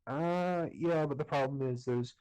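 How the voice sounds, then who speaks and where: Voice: medium pitch, measured pace, darkish tone, smooth, rough recording. Teasing game master with frequent laughs. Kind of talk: casual tabletop role-play narration.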